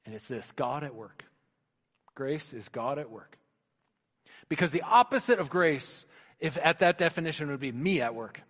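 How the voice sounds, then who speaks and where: A man's voice: fairly high pitch, animated, normal speed, fairly bright tone. A middle-aged man preaching a sermon as a pastor, telling a family story and acting out the voices in it. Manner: storytelling, acts out voices in quotes. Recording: hall reverb.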